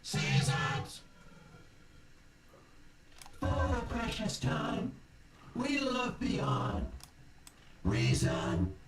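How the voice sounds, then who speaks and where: A recorded male vocal sample, sung slowly with big leaps in pitch, played through a ring modulator that gives it a clangy robot sound. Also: huge pitch swings. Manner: slow, drawn-out singing with wide pitch leaps. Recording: roomy and distant under loud music.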